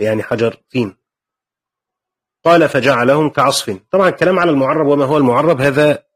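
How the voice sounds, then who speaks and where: A man with an Egyptian accent teaching a lesson on a Quran commentary, explaining conversationally and checking in with his students. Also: mid-range voice. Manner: conversational, asks the class questions and explains. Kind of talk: lecture.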